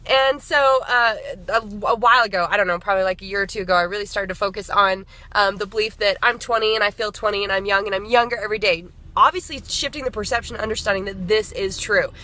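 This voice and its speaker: A woman's voice: medium pitch, fast talker, bright, forceful tone. A woman in her thirties, a fitness and nutrition coach, chatting in a casual motivational vlog with an upbeat, rambling manner full of fillers and restarts. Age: 30s.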